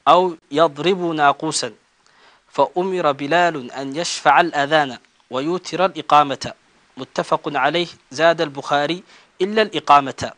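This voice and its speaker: A man reading religious texts aloud to his teacher in a measured recitation, getting louder on the chanted call-to-prayer phrases. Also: fairly high pitch, no room sound.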